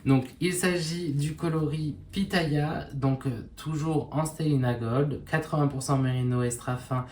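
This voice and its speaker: A woman's voice: sits low, fairly even intonation, a little mellow. Woman, roomy echo. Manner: conversational, unhurried, with frequent pauses and self-corrections. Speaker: knitting vlogger. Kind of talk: casual video presentation. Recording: roomy echo with faint background noise.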